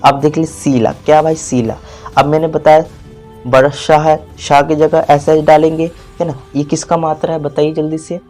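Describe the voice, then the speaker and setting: Guy teaching spelling, keeps quizzing, fairly high voice, faint music behind. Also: flat delivery, a little mellow. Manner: repetitive, quizzing the viewer, drawn-out vowels. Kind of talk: classroom-style spelling lesson.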